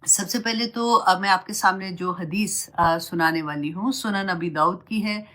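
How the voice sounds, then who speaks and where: A woman who teaches the Quran offers gentle, motherly religious advice, mixing English words into her speech. Her pitch is fairly low.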